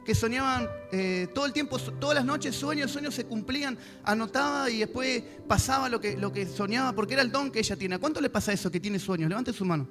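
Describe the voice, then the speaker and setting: A man's voice: very high-pitched, quick pace, few pauses. A male pastor, preaching a sermon to a congregation and acting out prayers and God's replies. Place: church service. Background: music.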